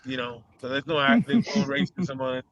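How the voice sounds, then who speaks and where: A man's voice: medium pitch, expressive, brisk, a bit bright, dull audio, a little hiss or hum. A man with a Boston accent hosting a casual live show, rambling with many fillers and laughing often. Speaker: host.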